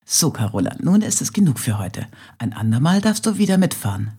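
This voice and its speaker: A woman voicing a kindly middle-aged male farmer in a children's storybook reading, talking gently and patiently. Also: extremely low pitch, very animated, fairly quick, husky, voice pushed up, exaggerated voice. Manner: gentle, patient, fond scolding.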